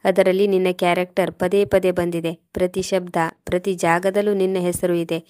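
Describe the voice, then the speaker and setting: A cold, betrayed husband levels accusation after accusation in an even, unbending tone, as a woman narrator reads him. The delivery stays level in pitch with little rise or fall. The recording is dry and close. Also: normal speed, dry recording, natural voice. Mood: accusing. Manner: accusing, harsh.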